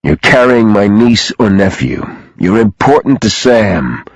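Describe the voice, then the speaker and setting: A man voicing a stern, calm protective man. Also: on the low side, breathy edge, no echo. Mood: steady. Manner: even, firm, measured.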